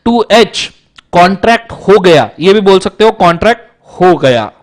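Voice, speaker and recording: A man's voice: high-pitched, lively intonation, normal speed. A man giving a classroom law lecture who teaches playful mnemonics, repeats them many times, mixes in English terms and keeps asking if everyone understands.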